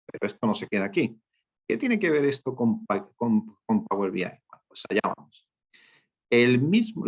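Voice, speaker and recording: A man's voice: mid-range voice, gravelly, slightly rough. A man teaching a screen-share coding lesson, explaining step by step and checking in with his listeners after nearly every point. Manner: explanatory, frequent "¿eh?" and "¿ok?" check-ins. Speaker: data instructor. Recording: dull lo-fi sound.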